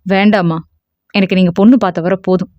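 Woman playing a stubborn young son, lowered calm voice, soothing and dismissive, audio novel, dull recording. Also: a little fast, no echo, close to an everyday voice.

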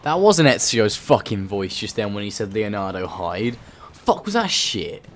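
Swearing, rambling lower-voiced gamer. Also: male voice, sing-song, moderate pace. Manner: swearing, rambling, self-talking. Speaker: let's play host. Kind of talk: gameplay commentary. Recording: voice under game noise.

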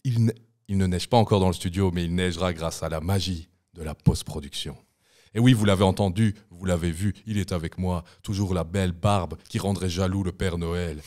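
A man's voice: deep voice, steady tone, a little fast, a little mellow. A young man co-hosting a casual podcast in a studio, joking around and breaking into bits of song. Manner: playful, breaks into snatches of song. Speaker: podcast co-host.

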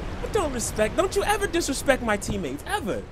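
A man streaming live gameplay, commentating and trash-talking opponents with brash, shouted taunts. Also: very high voice, huge pitch swings, fairly quick. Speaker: game streamer. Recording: noisy stream audio.

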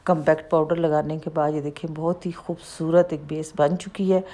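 Woman with a Pakistani Urdu accent, makeup artist, chatty step-by-step tutorial voice-over, slightly low voice. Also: level tone, normal speed, dark tone. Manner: chatty, explains each step as she goes.

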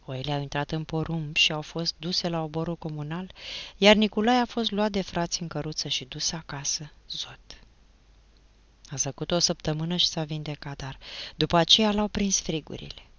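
Lower-voiced woman reading a story aloud. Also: no echo. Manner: expressive, storytelling. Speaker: audiobook narrator. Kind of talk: dramatic audiobook narration. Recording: slightly dull, dry recording.

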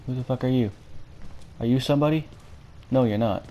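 A man's voice: mid-range voice, a little fast, dark tone. A man with a dry throat streaming a horror game, uneasily muttering and swearing at the characters as he comments casually. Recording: faint background game ambience noise.

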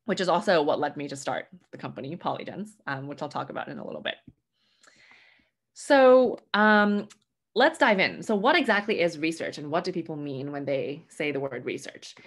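A young woman from Hong Kong presenting an online webinar lecture, friendly and full of "um" fillers. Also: sits low. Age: young adult. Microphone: webcam mic at home, video call.

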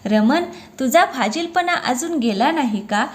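Lady reading as a rowdy buddy giving his friend grief, loud friendly banter, pretty high voice. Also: animated, measured pace. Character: boisterous young male best friend.

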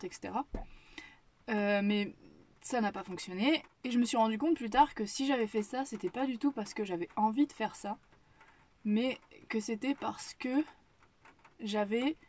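A woman's voice: fairly high pitch, a little mellow. A young woman from the Paris region chatting casually to camera in her kitchen, thinking aloud with frequent restarts. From Paris region, France. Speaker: vlogger. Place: home kitchen, indoors.

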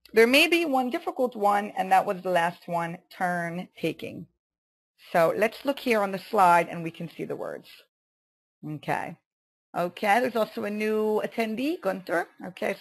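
A woman teaching an online English lesson, saying vocabulary slowly and carefully and saying "okay" often. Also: mid-range voice, vocal fry. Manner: slow, careful pronunciation drills with many "okay"s.

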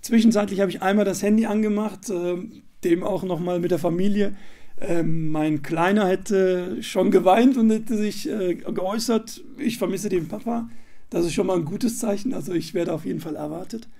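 A man speaks in a fairly high yet mellow voice, pausing often and reaching for words. He talks about his experience casually, with lots of filler sounds, as a retreat participant. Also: fairly even intonation, vocal fry. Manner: hesitant, searching for words with many fillers. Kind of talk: casual spoken testimonial.

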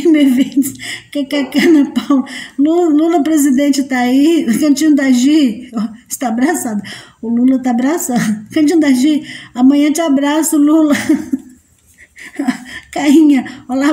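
A Brazilian woman hosts a relaxed live stream, greeting viewers by name and dissolving into giggles. Her voice sits high yet sounds mellow and soft rather than bright. She talks in a loose, chatty way. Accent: Brazilian Portuguese. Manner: giggly, bursts into laughter often; sweet high baby-talk to a pet.

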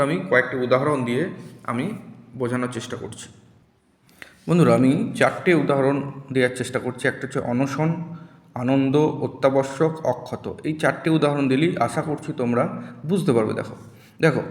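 A man teaching a class, talking patiently and sounding out words slowly, again and again. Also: medium pitch. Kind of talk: classroom lesson. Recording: echoey room with long reverb.

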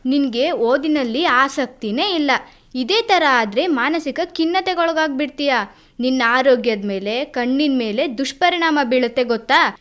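A woman's voice: sits high, fairly bright tone. A girl playing a strict but caring woman schoolteacher who scolds and lectures her class in a school radio play.

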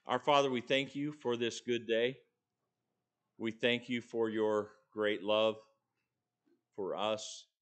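Male pastor, middle-aged, slow deliberate sermon delivery, lowish voice, church pulpit. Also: steady tone, clear, resonant tone. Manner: earnest, deliberate, pausing between phrases.

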